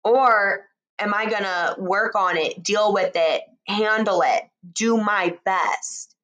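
Chill lady doing a personal encouraging talk, medium pitch, takes her time, draws words out, real reassuring. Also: takes it slowly, fairly bright tone, muffled recording. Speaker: host speaking to listeners. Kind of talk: intimate, casual motivational talk.

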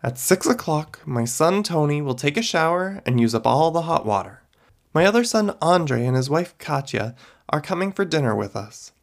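A man reading a storybook, voicing an older woman fortune-teller who speaks gently and matter-of-factly. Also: fairly high pitch, animated, moderate pace, vocal fry, voice pushed up. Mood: knowing, solemn. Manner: gentle, matter-of-fact, grandly solemn.

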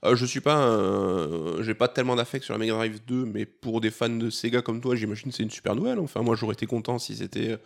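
A man co-hosting a casual gaming podcast, talking in a quick, relaxed, conversational way. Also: lowish voice, gravelly. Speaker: podcast co-host.

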